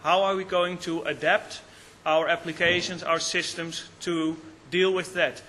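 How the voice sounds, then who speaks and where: Male session chair, bright and forceful tone, higher-pitched, easygoing intros. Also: a little hiss or hum. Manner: relaxed and unhurried, frequent fillers. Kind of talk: introducing speakers at a conference.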